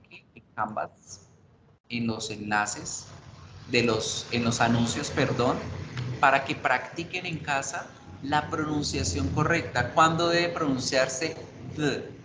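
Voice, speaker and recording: A man teaching an online English class, explaining grammar rules step by step, switching between Spanish and English and checking in with the class. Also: mid-range voice. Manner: spells out letters and asks the class for confirmation. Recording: roomy with background noise.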